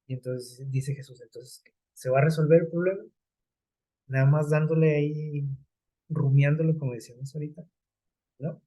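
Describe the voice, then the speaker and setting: Male preacher, husky conversational sermon delivery, slows down for scripture quotes. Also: fairly high pitch, fairly even intonation, dark tone, rough recording. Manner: conversational, explains scripture with everyday examples and rhetorical questions.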